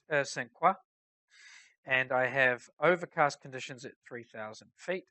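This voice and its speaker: A man explains his flight sim play in a casual commentary style. His voice is bright and forward, with a clearly nasal, congested tone from a cold. The pitch sits in an ordinary middle range for a man. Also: no echo. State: blocked nose from a cold. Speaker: flight sim player narrating a tutorial.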